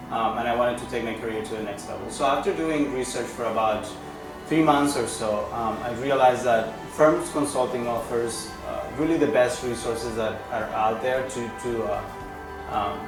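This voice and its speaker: Brief: man, 30s, from Chile, Spanish native, consultant testimonial; earnest, halting, many restarts; mic set back in a roomy, echoing space. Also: mid-range voice. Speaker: management consultant. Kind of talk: testimonial interview. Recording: echoey room, distant mic, music underneath.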